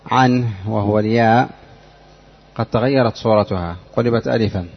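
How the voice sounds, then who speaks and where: A man with a somewhat low voice teaches a grammar lesson. His delivery is measured and explanatory, and he keeps drilling the class with questions. The recording is dull and lo-fi. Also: vocal fry. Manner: drills students with repeated questions.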